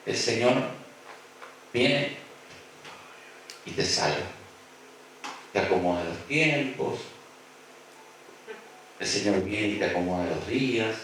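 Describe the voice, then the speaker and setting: A man's voice: on the low side, slow, pauses often, fairly bright tone, a little hiss or hum. A man with an Argentine accent preaching a sermon, acting out voices and repeating phrases for emphasis. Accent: Argentine Spanish. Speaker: pastor. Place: church hall. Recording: echoey church hall, mic far off.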